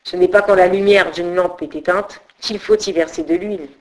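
A woman's voice: on the low side, steady tone, normal speed, darkish tone, lightly acted, low-quality recording. A woman voicing a proud, stubborn old male philosopher who grumbles and stands defiant. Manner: gruff, grumbling.

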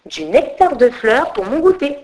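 A woman's voice: on the high side, very animated, unhurried, a little mellow, voice pushed up. A woman voicing a little scatterbrained fairy girl who chatters and mutters to herself in a storybook reading. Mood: bewildered.

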